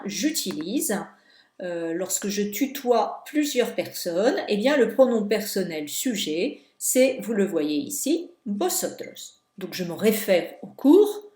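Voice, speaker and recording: A woman teacher correcting homework for her students, explaining step by step and slowing down on key words. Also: medium pitch, a little mellow. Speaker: Spanish teacher. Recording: echoey room.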